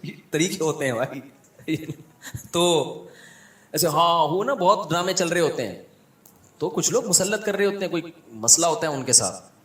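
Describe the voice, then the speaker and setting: A man with a Pakistani Urdu accent, a religious scholar telling humorous anecdotes in a lively way and acting out the people in them. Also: fairly high pitch, moderate pace, pauses often, reverberant. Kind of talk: humorous storytelling talk.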